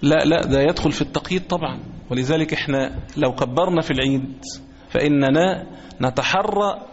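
A man with an Egyptian accent teaching a religious lesson as a sheikh, speaking deliberately and repeating his phrases. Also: fairly high pitch. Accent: Egyptian Arabic. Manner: deliberate, repeats phrases, chants quoted takbir slowly. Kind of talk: religious lesson explaining a book. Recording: echoey hall, dull lo-fi sound.

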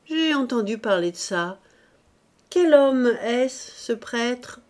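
A woman's voice: fairly high pitch, animated, takes it slowly, darkish tone, voice pushed up. A woman voicing a scheming older society lady who speaks in an affected, exclamatory, falsely sweet way. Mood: feigning surprise.

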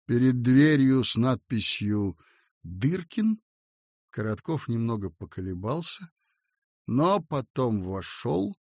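A man narrating a classic story aloud with a theatrical, expressive reading. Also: mid-range voice, dry recording, studio quality.

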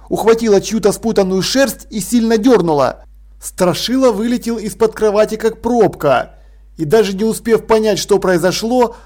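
A man reading a novel aloud in measured storytelling narration. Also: high voice, a little mellow. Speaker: audiobook narrator. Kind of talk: scripted narration.

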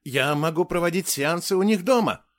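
A man's voice: mid-range voice, lively intonation, moderate pace, lightly acted. A man reading an audiobook and voicing an anxious, earnest male doctor who speaks in a raised, eager voice and often hesitates. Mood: hesitant. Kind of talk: audiobook character voice.

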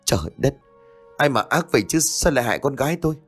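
A man voicing a frantic, worried middle-aged mother who pleads in a raised, shrill voice. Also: quick pace, fairly bright tone, breathy edge, faint music behind. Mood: distraught.

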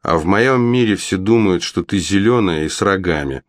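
A man's voice: sits low, normal speed, no echo, studio quality, close to an everyday voice. A man voicing a defiant boy who mocks his captor, read as part of an audiobook. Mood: taunting. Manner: mocking, defiant.

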